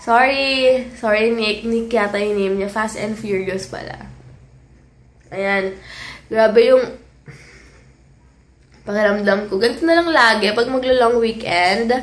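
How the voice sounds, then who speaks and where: A woman's voice: fairly high pitch, takes it slowly, long pauses, rough recording. A young woman with a stuffy cold, chatting casually at home while cooking, rambling and laughing often. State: congested with a cold. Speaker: vlogger. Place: home kitchen.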